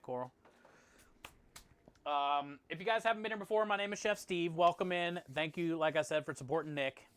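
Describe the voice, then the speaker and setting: A man's voice: high-pitched, a bit bright, clear, resonant tone, no echo. A man chatting casually to livestream viewers as a chef and host, in a friendly, appreciative and conversational way. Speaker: food truck chef and streamer.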